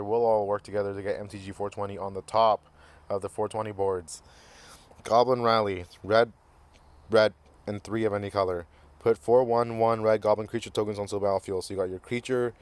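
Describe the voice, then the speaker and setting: Goofy low-voiced man reviewing cards. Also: darkish tone, smooth. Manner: goofy, jokey, reads card text aloud. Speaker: card game channel host. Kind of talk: casual card review commentary.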